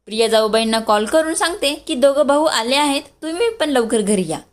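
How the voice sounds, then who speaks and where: A woman storyteller narrating a serialized family story in a steady, plain way. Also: high-pitched, a little fast.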